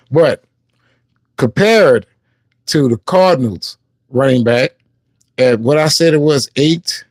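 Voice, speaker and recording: A man's voice: mid-range voice, no echo. Casual New man reading game stats. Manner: casual, reads stats aloud, chats with viewers. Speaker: sports livestream host. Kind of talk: casual live-stream commentary.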